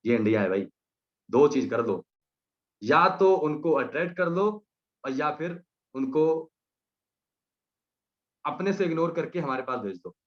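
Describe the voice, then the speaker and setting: A young man gives a motivational speech in a fairly high voice. He drives his points home with emphasis and keeps repeating his punchlines. The recording is slightly muffled and lo-fi. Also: lively intonation, unhurried, long pauses. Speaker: motivational team leader.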